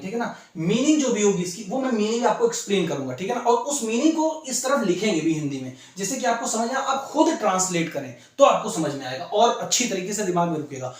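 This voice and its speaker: A man teaching English to civil service aspirants in a classroom-style video lesson, mixing Hindi and English and constantly checking in with his students. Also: sits high. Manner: repeats "ठीक है ना" as a constant check-in; mixes Hindi with English phrases. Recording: very echoey room.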